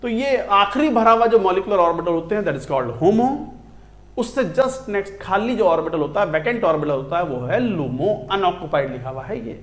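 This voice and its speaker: A man's voice: sits high, lively intonation, fairly quick, a bit bright, roomy sound. A man with an Indian accent teaching chemistry in a lecture, counting aloud as he writes on the board. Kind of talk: classroom lecture mixing Hindi and English.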